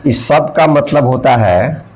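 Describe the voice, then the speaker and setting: A man's voice: mid-range voice, lively intonation, takes it slowly, darkish tone. A man teaching English vocabulary in a classroom-style lesson. He spells words out letter by letter, repeats key words and asks the viewer questions.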